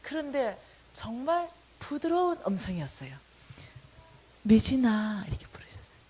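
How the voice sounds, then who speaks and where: A woman giving a lively testimony talk to a church congregation, telling her story with animation and acting out prayers and conversations. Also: high voice, moderate pace, a little hiss or hum. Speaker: church lecturer on finances. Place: church hall.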